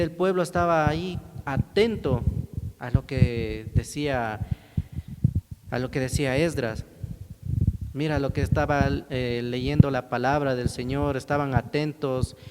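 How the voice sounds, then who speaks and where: A man, a lay preacher giving a conversational sermon in a church, talking straight to the congregation and often repeating himself. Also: medium pitch. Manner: conversational, repetitive, addresses the congregation directly. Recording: echoey hall with steady background noise.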